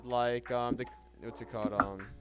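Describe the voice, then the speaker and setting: A man's voice: medium pitch, flat delivery, normal speed. Hesitant young man with lo-fi beats. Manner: hesitant, full of ums and restarts. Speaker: co-host. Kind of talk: casual movie review chat. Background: lo-fi music.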